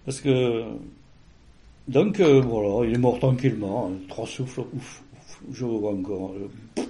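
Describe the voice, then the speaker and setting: Man with a warm, mellow voice telling a story. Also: medium pitch, unhurried. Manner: rambling, with frequent restarts and fillers. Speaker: interviewee. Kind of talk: casual personal storytelling.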